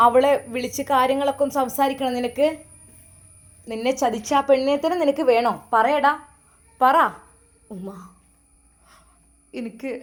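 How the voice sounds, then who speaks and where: A woman's voice: on the high side, close to an everyday voice. A woman voicing a harsh, scornful mother who nags and orders her grown son about in a spoken story. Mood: scolding. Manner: scornful, nagging, commanding.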